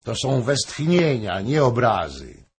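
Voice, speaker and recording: Man reading a calm stern king. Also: medium pitch, slight background noise. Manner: measured, commanding. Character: calm stern middle-aged male king.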